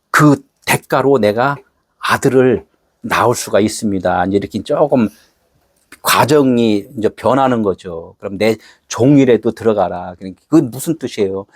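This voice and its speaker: A man's voice: mid-range voice, husky, no room sound, clean studio sound. A middle-aged man preaching a sermon in a casual, conversational way, acting out short quoted exchanges. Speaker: pastor.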